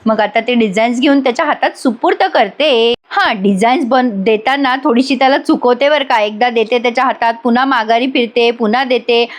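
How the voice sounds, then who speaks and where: A woman's voice: fairly high pitch, brisk. A woman giving a chatty voice-over review of a TV serial episode, storytelling and addressing viewers directly.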